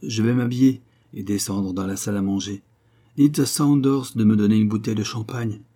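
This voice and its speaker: A man's voice: steady tone, brisk, dark tone, natural voice. A man voicing a curt, cold husband. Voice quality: low and rough. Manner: brusque, impatient. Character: cold, curt aristocratic husband, middle-aged.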